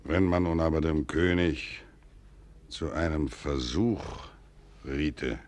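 In a classical German radio drama, an actor plays a grave, shrewd and wary prince, declaiming deliberately and weightily in a probing, measured mood. His male voice rumbles low with a slightly mellow quality.

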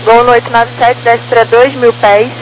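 A woman's voice: fairly high pitch, flat delivery, moderate pace. A woman with a Brazilian accent giving clipped radio instructions as an approach air traffic controller. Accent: Brazilian Portuguese. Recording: humming, noisy aviation radio.

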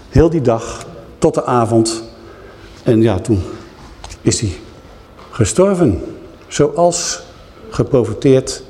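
A man's voice: medium pitch, mellow. A man preaching a sermon in a conversational way, often checking in with his listeners. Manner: conversational, frequent tag questions. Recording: long hall reverb.

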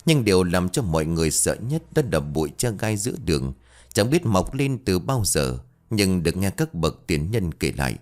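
Deep-voiced male horror storyteller. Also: big pitch swings, moderate pace, a little mellow.

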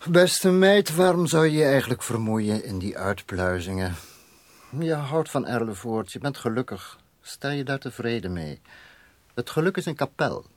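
A frail young dreamer, acted by a man for a radio drama, voicing lofty musings. His pitch rises and falls a lot, and the sound is close and dry with no room around it. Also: lively intonation, normal speed, no room sound, natural voice. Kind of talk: 1980s radio drama acting.

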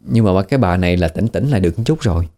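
A man's voice: low-pitched, animated, very fast, dark tone. A man with a Southern Vietnamese accent telling a horror story in a chatty, conversational way, often asking the listener questions. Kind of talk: casual spoken horror storytelling.

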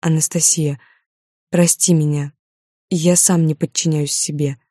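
A woman's voice: deep voice, flat delivery, a little slow, dark tone, no room sound, clean studio sound. A woman voicing a troubled young man bound to a religious order, speaking sternly and pleadingly.

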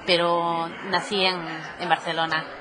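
A middle-aged woman from Catalonia, answering interview questions casually, with many pauses and fillers. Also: lowish voice, little pitch movement, crowd noise. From Catalonia, Spain. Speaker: podcaster, guest.

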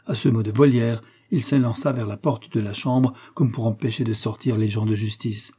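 Man reading an old novella aloud, dark husky voice, steady pace. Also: fairly low pitch, moderate pace. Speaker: audiobook reader. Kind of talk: scripted narration of a classic novella.

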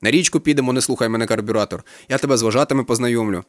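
A man's voice: medium pitch, racing, dry recording, clean studio sound, lightly acted. A man reading aloud voices a crude, offhand young man who talks in blunt slang, in an audiobook. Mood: coaxing. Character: crude young man, cheerful camp worker.

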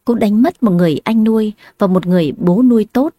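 Brief: woman narrator, mellow tone, dry close sound. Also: mid-range voice, fast talker, no echo. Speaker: storyteller. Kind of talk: dramatic story narration.

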